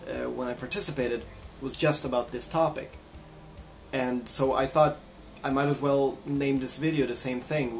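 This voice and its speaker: A man from Sweden, telling a personal story in a casual, reflective vlog. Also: medium pitch. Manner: reflective, chatty. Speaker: vlogger and guitarist.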